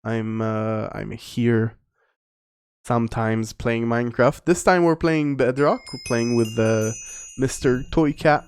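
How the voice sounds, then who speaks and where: A man's voice: mid-range voice, fairly even intonation, slow, clear, resonant tone. Rambling man streaming a video game. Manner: rambling, reads chat aloud. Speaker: gaming streamer. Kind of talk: casual livestream commentary. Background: faint background music.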